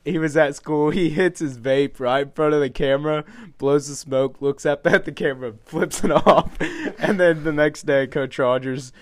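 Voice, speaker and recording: A young man hosting a podcast with friends, telling high school stories in casual chat, animated and laughing, with frequent swearing. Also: moderate pace, hardly any pauses. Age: young adult. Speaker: podcast host.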